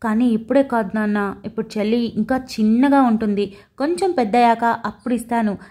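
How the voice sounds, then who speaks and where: Woman narrator as playful young mother, mellow and affectionate. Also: a little high, brisk, natural voice. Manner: affectionate, teasing.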